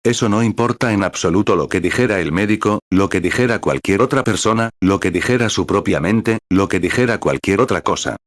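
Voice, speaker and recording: A man with a very deep voice reads a translated sermon aloud. His delivery is steady and solemn. The sound is dry and close, with no room echo. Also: brisk, hardly any pauses. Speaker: sermon reader.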